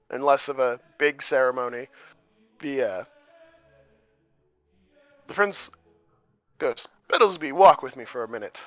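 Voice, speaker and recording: A man's voice: medium pitch, clear, resonant tone. Game master man on muffled audio. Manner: relaxed, descriptive storytelling with fillers. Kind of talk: narrating a tabletop game.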